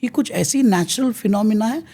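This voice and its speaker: A man's voice: sits high, moderate pace, warm tone. An Indian man, a teacher and counsellor, explaining and giving advice in an earnest, lecturing way as an interview guest, switching between Hindi and English mid-sentence.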